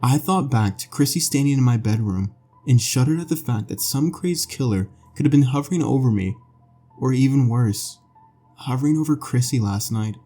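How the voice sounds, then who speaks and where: Mellow-voiced man narrating a horror story. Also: mid-range voice, normal speed. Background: faint background music.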